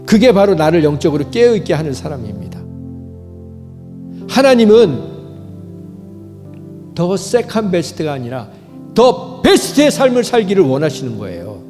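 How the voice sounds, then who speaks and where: Pastor, male, high and very animated voice, fervent sermon delivery, church hall reverb, faint music under. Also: moderate pace, long pauses. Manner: impassioned preaching, swings from loud calls to quiet storytelling. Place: church sanctuary.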